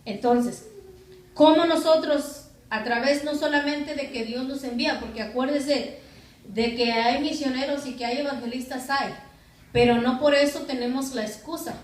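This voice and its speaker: A woman's voice: high voice, steady tone, normal speed. A woman pastor, preaching a sermon and putting rhetorical questions to her congregation. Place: church hall. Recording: echoey church from far off.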